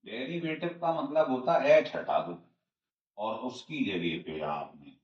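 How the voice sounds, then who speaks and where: A very animated man with a mid-range voice keeps a measured pace as he teaches chemistry in a classroom lecture. He walks through each step repeatedly and answers the questions he raises himself, heard on a dull, distant recording with lots of room sound.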